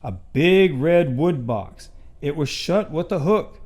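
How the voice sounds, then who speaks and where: Male storybook narrator, higher-than-average pitch, very unhurried, expressive and rhythmic for young listeners. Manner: rhythmic, deliberate delivery of rhyme. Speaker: storyteller reading to children.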